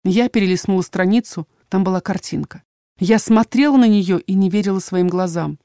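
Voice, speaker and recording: A woman narrating a first-person fantasy audiobook in a measured, expressive way, on a close mic. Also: medium pitch, no room sound.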